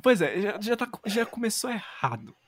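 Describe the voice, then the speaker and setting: A young man hosting a podcast, telling stories in an animated, self-mocking way. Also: high-pitched, normal speed. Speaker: podcast host. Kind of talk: casual storytelling chat.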